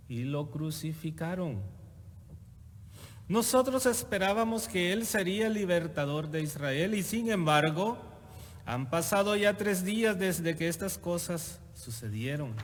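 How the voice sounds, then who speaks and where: Slow solemn priest with cathedral echo. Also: male voice, high voice. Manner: slow, measured, solemn reading. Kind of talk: liturgical Gospel reading. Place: large church. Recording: cathedral echo with faint noise.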